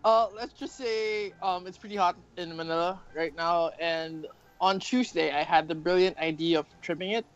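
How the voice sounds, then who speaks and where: A man's voice: high-pitched, fairly even intonation, moderate pace, smooth, lo-fi sound. A man co-hosting a casual podcast, making self-deprecating jokes. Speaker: podcast co-host.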